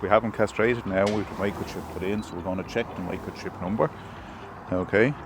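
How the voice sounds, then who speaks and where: A man's voice: fairly low pitch, fairly even intonation, fairly quick, noisy background. A man, a vet describing a task as he does it. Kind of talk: commentary while working.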